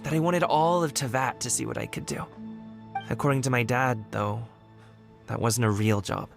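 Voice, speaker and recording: In this game clip, an actor voices a young wushu dancer turned guard who is easygoing, friendly and candid, speaking earnestly. His mid-range voice is gravelly and natural, with fairly even intonation and a normal pace, and faint music plays in the background.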